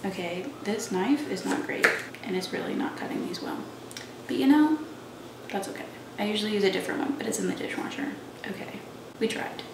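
A woman's voice: mid-range voice, animated, brisk. A young woman chatting casually in her home kitchen while cooking, rambling with lots of "like". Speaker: vlogger. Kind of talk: casual cooking vlog chat. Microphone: camera across the kitchen. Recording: roomy, distant kitchen audio with noise.

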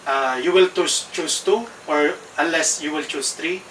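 A man's voice: on the high side, a little slow, fairly bright tone. A man in his twenties with a Filipino accent, casually hosting a challenge vlog. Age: 20s. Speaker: vlog host. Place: ship cabins and corridors. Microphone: camera a few feet away. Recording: echoey, distant camera mic, background noise.

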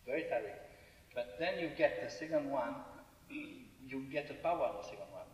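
A man coaching a flute masterclass, scatting phrases to demonstrate and talking in halting broken phrases. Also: mid-range voice, expressive. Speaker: flute teacher. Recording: roomy hall recording from far off with faint noise.

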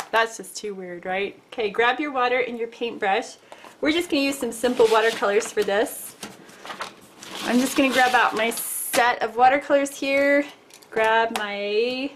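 A middle-aged woman with a fairly high voice gives a casual drawing lesson at her desk, sketching as she talks to her viewers. This art teacher is chatty and playful, and there's slight background noise.

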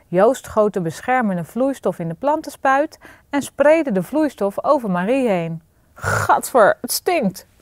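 A woman reading a children's story aloud, expressive and lively. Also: mid-range voice, dry recording.

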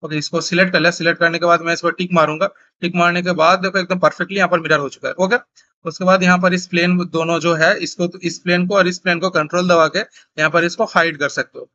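A young man from India walks through a software tutorial in a loose, thinking-aloud way, often stopping to correct himself. His voice is fairly high and bright. The recording is dull and lo-fi. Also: level tone, fast talker, a little hiss or hum. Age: young adult. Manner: thinks aloud, self-correcting, casual instructions. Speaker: CAD tutorial instructor.

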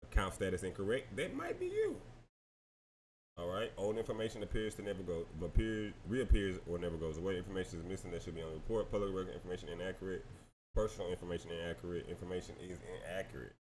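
A man's voice: low voice, sing-song, fast talker, a little mellow, slight background noise. A tired man talking casually and slangy through a screen-share tutorial, addressing viewers as y'all. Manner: laid-back, slangy, talks to viewers as y'all. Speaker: credit repair vlogger.

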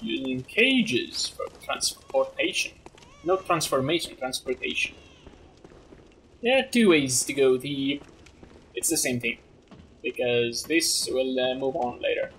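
A man's voice: mid-range voice, unhurried, fairly bright tone, a little hiss or hum, low-quality recording. A man in his thirties giving casual let's play commentary, with playful muttered asides to himself and the game. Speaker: gaming video host. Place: small room indoors. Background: game music.

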